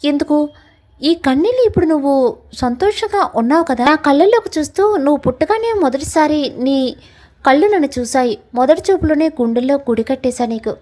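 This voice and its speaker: A woman's voice: high voice, expressive, fairly quick, a little mellow, rough recording. A woman voicing a heartbroken young man who pleads tearfully and reproachfully with the woman he loves, in a spoken love story. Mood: heartbroken pleading.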